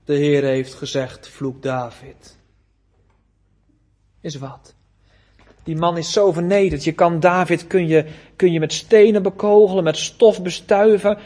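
High-voiced, slow preacher. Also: male voice. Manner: earnest preaching, rising to loud emphasis then dropping low. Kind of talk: sermon.

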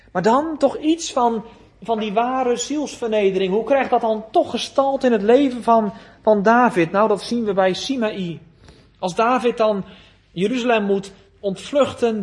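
A preacher with a notably high voice works through his sermon at a slow, deliberate pace. He presses hard on key phrases, then lets his voice sink low and soft. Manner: earnest preaching, rising to loud emphasis then dropping low.

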